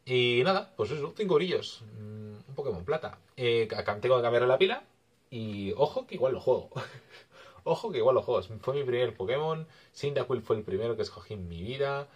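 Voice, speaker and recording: A man with an accent from Spain, chatting excitably and swearing casually as he shows off his video game finds. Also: medium pitch, brisk, slightly rough. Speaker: video game collector vlogger. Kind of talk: casual vlog chat.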